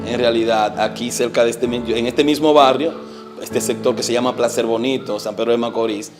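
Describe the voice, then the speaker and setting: With music in the background, a Dominican evangelist in his forties gives an earnest, halting testimony in an interview, speaking Dominican Spanish. His medium-pitched male voice stays fairly even, filled with hesitant fillers, and softly trails off.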